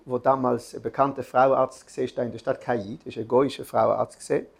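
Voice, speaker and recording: A man's voice: mid-range voice, fairly even intonation, brisk, vocal fry, slightly rough. A man giving an earnest religious lesson, telling a story with restarts and filler sounds.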